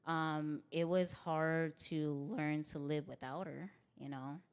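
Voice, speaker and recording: In a casual interview on a podcast, a woman comedian from Tucson, Arizona, speaks slowly in a steady, smooth, deep voice with plenty of bass. She talks candidly, often breaks into laughter, and keeps saying "like" and "you know what I mean."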